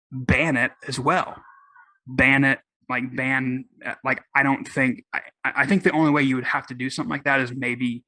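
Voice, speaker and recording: A man's voice: mid-range voice, sharp tone, no room sound. A man with a Southern US accent hosting his own podcast, rambling casually with many restarts and fillers. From Oklahoma. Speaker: podcast host. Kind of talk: casual solo podcast talk.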